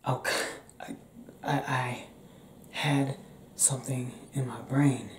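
This intimate ASMR piece features a young man voicing a young male werewolf who confides in his partner, restless yet tender. His delivery is medium-pitched and level, hushed and halting, frequently dropping to a whisper. The recording, made in a small indoor room, has a roomy echo and clear background noise.

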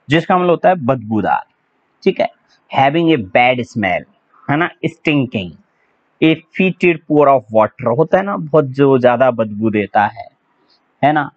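A man teaching English vocabulary for exams in a chatty, joking way, spelling words out letter by letter. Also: medium pitch. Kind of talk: exam-prep English vocabulary lesson. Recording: slightly dull lo-fi audio.

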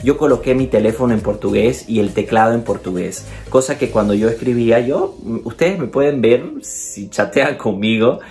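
A man's voice: mid-range voice, moderate pace, hardly any pauses, darkish tone, soft background music. A man from Bolivia with a Bolivian Spanish accent, chatting casually to the camera and encouraging his viewers. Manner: chatty and encouraging, addresses viewers directly, often says "entonces". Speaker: video host giving language tips.

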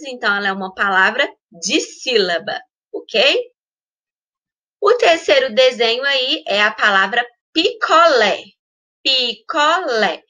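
Bright-voiced woman teacher, Brazilian accent. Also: on the high side. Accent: Brazilian Portuguese. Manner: slow, drawn-out spelling of words with frequent check-ins. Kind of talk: recorded school lesson.

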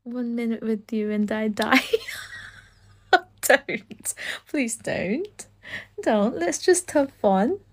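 On a phone live from inside a room, a young Filipina streamer chats casually through viewers' comments. She talks slowly and easily in a slightly high voice, giggly and gushy as she thanks everyone, the phone held close at arm's length.

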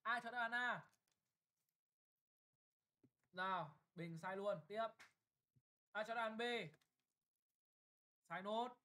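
Young man, classroom exam tutor; brisk, blunt, keeps checking if students follow. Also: sits high, bright, forceful tone, rough recording. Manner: brisk and bossy, often checking "got it?". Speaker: English tutor.

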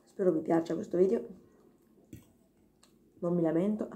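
A woman's voice: fairly low pitch, steady tone, moderate pace, warm tone. Woman talking with her mouth full. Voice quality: chatty, self-deprecating, laughs often. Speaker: mukbang vlogger. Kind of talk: casual chat while eating.

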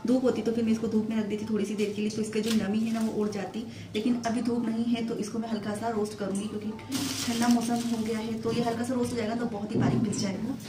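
Flat-voiced woman narrating a home vlog. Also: fairly high pitch, background noise. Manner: flat, homely, explaining step by step. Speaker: vlogger. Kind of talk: home cooking voice-over narration. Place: home at night, recorded separately as voice-over.

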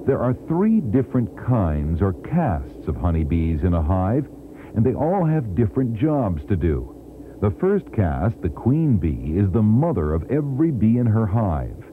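A man narrating an educational documentary in a clear, teacherly way, heard from a worn VHS tape copy. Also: on the low side, very animated, measured pace, background noise. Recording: thin, tinny worn VHS tape with music. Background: music score.

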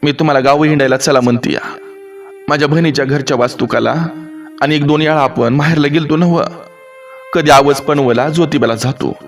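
A man voicing a sharp-tongued young village daughter-in-law who answers back loudly and shrilly. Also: a little high, fairly even intonation, a little fast, soft background music, voice pushed up, close to an everyday voice. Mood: tearful complaining.

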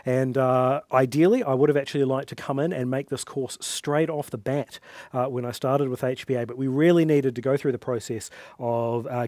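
A man, hosting a casual company update in a relaxed way, with lots of "uh" fillers, on a headset mic. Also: medium pitch, dry recording. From New Zealand. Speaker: host. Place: studio workshop set, then at a desk.

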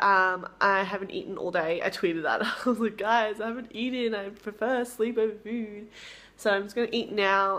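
A woman's voice: medium pitch, a bit bright. A young Australian woman talking casually to her viewers in a rambling vlog, with lots of fillers. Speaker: vlogger.

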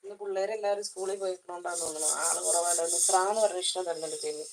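A woman's voice: fairly low pitch, fairly even intonation, very fast, very noisy. A woman hosting a casual live stream from her kitchen, chatting and greeting viewers by name as she reads their comments. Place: home kitchen.

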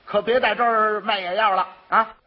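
A man doing a soft-spoken kindly constable. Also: steady tone, moderate pace. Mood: stern. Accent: Beijing. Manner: quiet, low and gentle. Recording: dull lo-fi archive recording.

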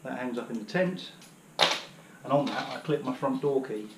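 A man's voice: mid-range voice, moderate pace, heavy background noise. Chatty British man in an echoey living room. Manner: chatty, rambling, many fillers. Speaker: outdoor gear vlogger. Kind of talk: casual demonstration. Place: living room at home, kneeling on floor. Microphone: camera on the floor a few metres away.

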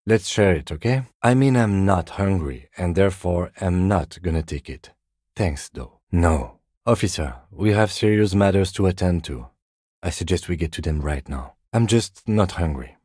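Voicing a composed middle-aged police detective for a video game, the male actor keeps things precise, measured and deadpan, with a dry wit and a by-the-book manner. The low-pitched voice is husky and the recording dry, while the mood stays dry and reserved.

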